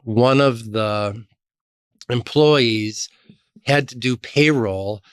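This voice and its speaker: A middle-aged man from Chicago, a guest in an interview, telling lively stories about his career. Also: drawn-out words, clear, resonant tone, no room sound, clean studio sound. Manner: animated storyteller, lively pitch jumps. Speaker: podcast guest, association executive. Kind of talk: storytelling interview.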